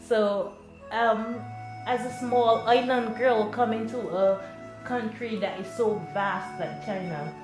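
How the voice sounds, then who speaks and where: A woman's voice: on the high side, fairly even intonation, slow pace, echoey room, music in the background, rough recording. A woman from Barbados leading a chatty, encouraging classroom discussion with her students. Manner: chatty, encouraging, laughs often. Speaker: teacher.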